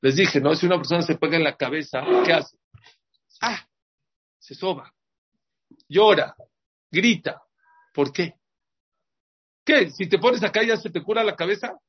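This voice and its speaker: A man's voice: high voice, unhurried, long pauses, slightly rough, lo-fi sound. A man, a rabbi teaching a religious lesson who keeps asking his listeners rhetorical questions. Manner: lively, asks the audience rhetorical questions. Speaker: rabbi teaching a Torah class.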